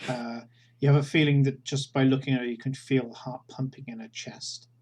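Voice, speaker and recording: A man's voice: medium pitch, little pitch movement, fairly quick, a little mellow. A man narrating a tabletop role-play as game master, with many fillers and hesitations.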